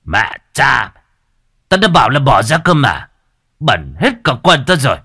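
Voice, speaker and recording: A man's voice: a bass voice, very animated, very slow, gravelly, sharp tone, no echo, studio quality, pitched below the performer's own voice, full character voice. A man voicing a crude, heartless old village chief who curses and barks orders with contempt. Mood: furious yelling. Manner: barking, cursing, contemptuous. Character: cruel, crude old male village chief, pompous and foul-mouthed.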